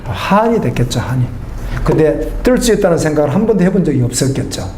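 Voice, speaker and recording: Man, pastor, middle-aged, high voice, sermon, echoey church hall. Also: big pitch swings, fast, dark tone, a little hiss or hum. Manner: conversational preaching, asks the congregation questions.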